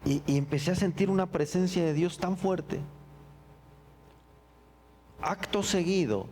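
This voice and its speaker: A middle-aged male pastor with a slightly higher-than-usual voice tells his own story in a sermon. He is earnest and reflective, often stumbling over repeated words. A faint hum of room ambience sits behind him. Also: measured pace, a little mellow. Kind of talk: personal testimony in a sermon.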